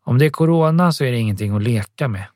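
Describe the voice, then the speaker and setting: A man's voice: medium pitch, expressive, darkish tone, no echo, studio quality, close to an everyday voice. A man voicing an earnest, worried woman. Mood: concerned. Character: worried, caring woman, boxing coach. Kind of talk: audiobook dialogue reading.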